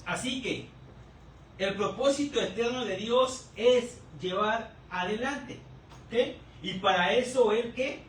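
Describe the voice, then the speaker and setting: A male pastor preaching a teaching sermon, who keeps checking in with the congregation and repeats key words slowly. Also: very high voice, fairly bright tone. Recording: echoey room, distant mic, faint noise.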